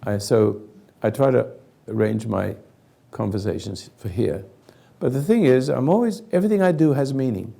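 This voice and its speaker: An older man hosting a group counselling talk, with a hoarse, raspy voice that sounds like gargling, speaking earnestly in halting, emphatic phrases. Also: mid-range voice, mellow. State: hoarse, throat-clearing. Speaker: host leading a group conversation.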